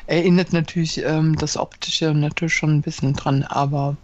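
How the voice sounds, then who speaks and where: A woman's voice: low voice, steady tone, moderate pace. A woman chatting casually as a podcast co-host, hesitant and full of fillers and restarts. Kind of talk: casual wrestling chat. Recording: dull, dry lo-fi sound.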